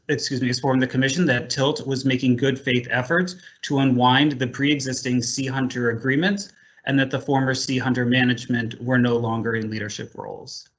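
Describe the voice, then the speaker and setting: A man's voice: medium pitch, a bit bright. Man on a choppy, breaking-up video call. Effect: choppy, breaking-up video call audio. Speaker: staff member presenting a report to a commission. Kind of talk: formal reading of a report. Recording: dull lo-fi video call audio.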